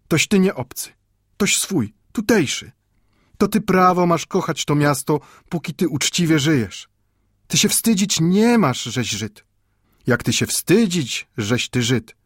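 A man's voice: on the high side, slightly rough, dry recording, studio quality, pitched above the performer's own voice, full character voice. A man voicing an old grandfather, a stern but tender bookbinder, who speaks emphatically with a Yiddish-inflected Polish accent and repeats his points insistently. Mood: pleading. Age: over 60. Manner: emphatic, repetitive scolding with drawn-out exclamations.

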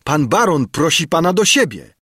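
An anxious servant pleading in a raised, lively voice, as a male reader puts him on. The tone is husky and dry, close to the ear. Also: fairly high pitch, moderate pace, no room sound, pitched above the performer's own voice, full character voice. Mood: urgent. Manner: urgent, pleading.

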